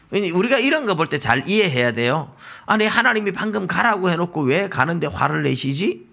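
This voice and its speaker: A man's voice: a little high, vocal fry. A male pastor with a Gyeongsang Korean accent preaching a sermon in church, acting out dialogue in different voices. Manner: acts out dialogue in lively voices.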